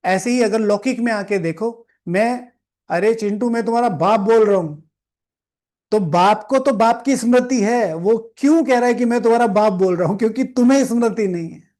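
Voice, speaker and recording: Male spiritual teacher with a fairly high voice, unpacking a scripture passage in a reflective, repetitive way, English words mixed in. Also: moderate pace, darkish tone. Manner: repeats key phrases for emphasis; mixes English words into Hindi. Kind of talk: explaining a scripture reading.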